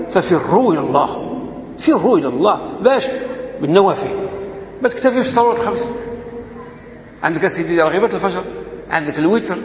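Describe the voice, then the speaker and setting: A man's voice: sits high, gravelly. A man with a Moroccan accent giving an emphatic religious lesson, posing rhetorical questions and answering them himself. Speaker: religious teacher. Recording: echoey hall, faint background noise.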